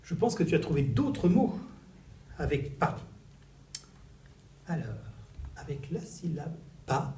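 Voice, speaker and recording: A man teaching a recorded reading lesson to young children in a classroom, slow and animated, stretching his syllables. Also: fairly high pitch, distant mic. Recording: echoey room, voice a little off-mic, faint background noise.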